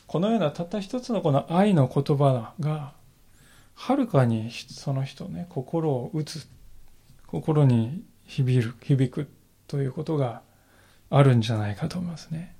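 A male pastor giving a sermon in an earnest, reflective way, slowing down to stress key phrases. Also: fairly high pitch, animated, gravelly, mellow, husky. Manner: earnest, reflective preaching with emphatic slowed phrases.

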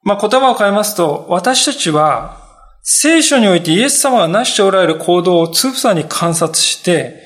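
Man, pastor, Sunday sermon, high voice, earnest emphatic delivery. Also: expressive, normal speed, fairly bright tone. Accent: Japanese. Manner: earnest preaching with frequent emphatic asides.

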